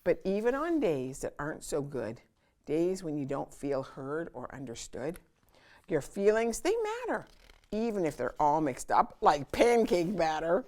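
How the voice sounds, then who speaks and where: Pitched low, this woman's voice carries a picture book reading at a children's storytime. She performs it expressively, in a sing-song rhythm broken by dramatic pauses.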